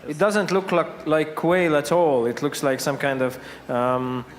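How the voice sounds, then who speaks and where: A man's voice: fairly high pitch, steady tone, measured pace, faint music behind. A man hosting a live on-site interview, asking playful, joking questions. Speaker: event host and interviewer. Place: large competition hall. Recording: reverberant arena hall.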